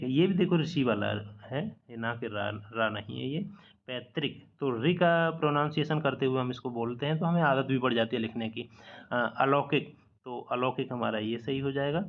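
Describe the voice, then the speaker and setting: A man's voice: medium pitch, narrow, tinny audio. A man teaching a spelling lesson from slides, patiently repeating each correct word and mixing English words into his explanations. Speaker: exam-prep teacher.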